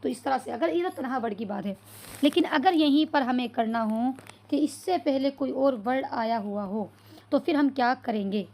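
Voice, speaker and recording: High-pitched woman tutor going over arabic letters, asks and answers her own questions, keeps checking everyone gets it. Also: moderate pace, a little mellow. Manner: repeats questions and answers them herself; checks understanding with "clear so far?". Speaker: Arabic teacher. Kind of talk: classroom-style lesson.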